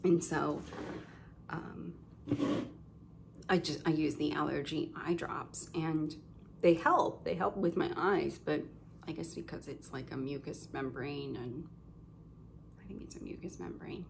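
A woman's voice: sits low, a little slow, vocal fry, long pauses, a little hiss or hum. A woman vlogging about her cross-stitch projects in a casual, rambling show-and-tell way, with lots of ums and self-corrections, a bit congested. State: slightly congested, coughing now and then.

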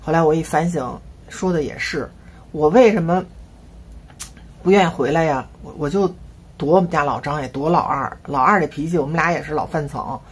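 A woman's voice: low voice, brisk, husky. A woman in her fifties with a Beijing accent, talking to her viewers in a chatty, rambling, confiding monologue. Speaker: family vlogger.

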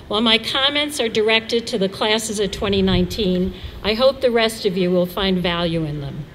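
A woman in her sixties from New York City, giving a measured, storytelling convocation address as chair of the trustees. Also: mid-range voice, fairly bright tone, a little hiss or hum, poor audio. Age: 60s. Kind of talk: formal speech.

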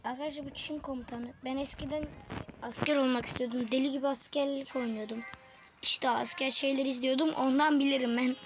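A woman giving excitable, slangy play-by-play commentary while gaming, talking to her viewers and her teammates. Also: high-pitched, brisk, noisy background. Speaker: gaming video creator. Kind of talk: live let's-play commentary. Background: game music.

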